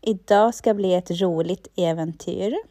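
A woman slowly and calmly leading a listener through spoken affirmations, pausing for them to repeat each line. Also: lowish voice, no room sound, clean studio sound. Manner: slow, calm, repeats lines for the listener. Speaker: affirmation guide.

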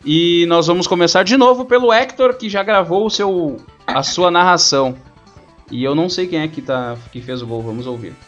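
A man's voice: fairly high pitch, moderate pace, fairly bright tone. A man with a southern Brazilian accent casually hosting a football talk show. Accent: southern Brazilian, Rio Grande do Sul. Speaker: host. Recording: dull lo-fi sound, music behind.

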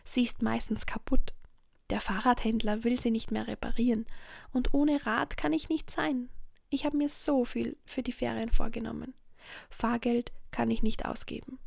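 A woman whispers a children's story close to the mic, gentle and unhurried. Her voice sits fairly high and carries a gravelly fry, and the recording is dry, with no room sound. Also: no room sound. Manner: soft whisper, gentle and slow, with small slips and restarts. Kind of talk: whispered story reading, ASMR.

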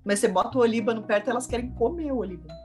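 A woman's voice: on the high side, racing, a little mellow, faint music behind. A woman co-hosting a casual chat, telling family stories with a playful, laughing manner. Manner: storytelling, playful, laughs often. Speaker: podcast co-host, mother.

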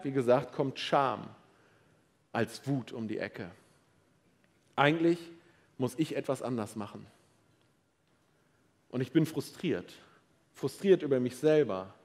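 A middle-aged man preaching a sermon, lively and playful, talking straight to his congregation with questions. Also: medium pitch. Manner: lively, playful, addresses the audience directly.

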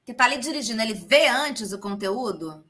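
Bright-voiced Brazilian woman hosting a chat. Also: on the high side, lively intonation, brisk. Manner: chatty, playful, self-mocking. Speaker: interview host. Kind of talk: casual interview chat.

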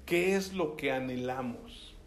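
A man's voice: medium pitch, slow, slight background noise. A male preacher giving a sermon, reading scripture aloud and often checking in with his listeners. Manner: keeps asking the listeners "¿sí?"; reads scripture aloud with emphasis.

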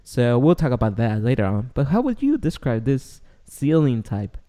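This young non-native English speaker is very animated as he chats casually on his podcast, his medium-pitched voice warm and moving at a normal speed. He records in a large, tall apartment room with an echo like an empty warehouse.

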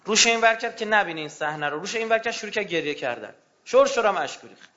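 A man preaching a fervent religious sermon to a gathering, swinging between loud outbursts and hushed low passages. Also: expressive, dull audio.

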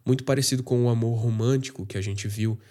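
A man's voice: medium pitch, fairly even intonation, fast talker, dark tone. A man giving a casual, conversational Bible reflection, thinking aloud with fillers and slang. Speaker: Bible study presenter.

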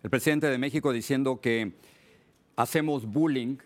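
A man's voice: medium pitch, normal speed. A man hosting an interview, asking his guest direct, conversational questions. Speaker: interview host.

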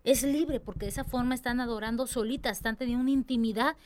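A young woman with a high, bright-pitched voice talks earnestly about serving in her church's tambourine dance ministry. She speaks expressively and slips into little voices when quoting others. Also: fairly even intonation, fast talker. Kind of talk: casual church talk interview.

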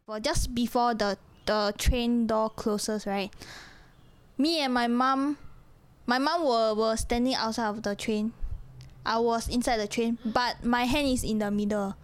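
Young Singaporean woman, slightly high voice, casual Singlish storyteller, conversational and colloquial. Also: fairly even intonation, measured pace, smooth, no echo. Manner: colloquial Singlish with sentence-ending particles. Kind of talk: casual chat, telling personal stories.

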